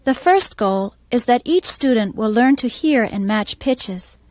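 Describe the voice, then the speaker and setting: A woman music teacher explaining her methods in a calm, measured instructional voice-over. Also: a little high, no room sound.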